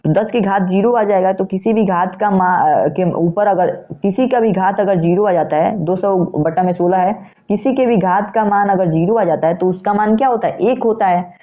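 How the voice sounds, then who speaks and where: A man's voice: high-pitched, normal speed, few pauses. A male physics teacher talks through an exam problem step by step. He asks questions and answers them himself, and keeps checking in with the listener. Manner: repeats steps, with frequent "theek hai" checks. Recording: tinny phone-like sound.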